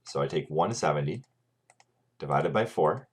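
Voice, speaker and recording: A man's voice: extremely low pitch, lively intonation, normal speed, breathy edge. A man teaching a math lesson over a screencast, talking through each calculation step by step and often checking in with "right?".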